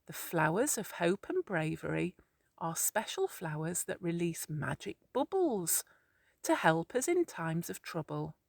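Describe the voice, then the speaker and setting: A woman voicing a wise, gentle male woodpecker in a children's storybook, speaking softly and reassuringly. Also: fairly low pitch, big pitch swings, unhurried, gravelly, no room sound, studio quality, exaggerated voice. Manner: soft, kindly, reassuring.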